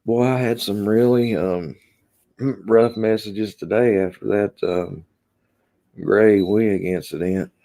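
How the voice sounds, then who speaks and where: A man from Kentucky hosts a relaxed, rambling live stream, reading chat comments in his Kentucky accent and using many ums. His voice is fairly low and warm, with a steady tone and a slow pace.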